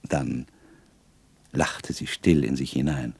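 A man narrating a literary story as an audiobook reader, in an expressive, unhurried way. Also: very deep voice, gravelly, husky, no room sound.

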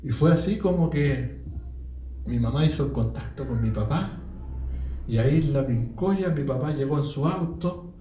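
Chilean preacher, high voice, earnest testimony sermon, recorded far off in an echoey room with faint ambience. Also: male voice, normal speed, dark tone, a little hiss or hum. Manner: earnest, addresses listeners as brother.

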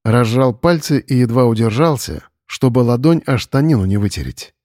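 A man narrating an audiobook in a steady, measured storytelling manner. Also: medium pitch, no echo, clean studio sound. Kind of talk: scripted narration.

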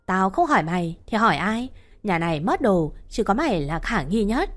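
Over faint background music, a woman voices an older mother-in-law who harshly scolds and accuses her daughter-in-law, using coarse terms of address in a shrill, abusive tone. Her voice is medium-pitched and fairly bright, with big pitch swings at a normal speed.

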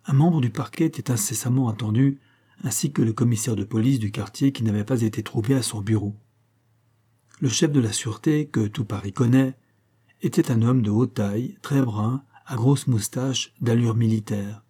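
Husky, dark-voiced male narrator. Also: medium pitch. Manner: steady, deliberate reading. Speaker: audiobook narrator. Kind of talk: scripted literary narration.

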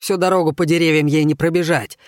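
A man reading an audiobook voices a stern, loyal wolf, speaking slowly and bluntly. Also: a little high, steady tone, no echo, clean studio sound, natural voice. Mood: conspiratorial.

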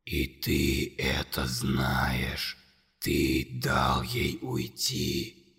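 A man voicing a huge, relentless monster in an audiobook, speaking in a low, slow, menacing whisper. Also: little pitch movement, vocal fry, a bit bright, husky, long reverb tail, full character voice.

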